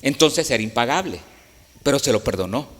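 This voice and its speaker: A man's voice: medium pitch, expressive, fairly quick, fairly bright tone. A man preaching a sermon, speaking earnestly and directly to the congregation in a church. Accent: Latin American Spanish. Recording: echoey hall with long reverb.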